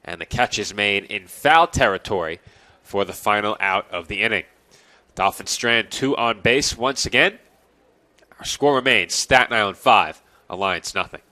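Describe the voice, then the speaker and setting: A congested man calling a college baseball game play by play, chatting and joking with his partner between pitches. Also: normal speed, bright, forceful tone, no echo. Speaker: play-by-play announcer.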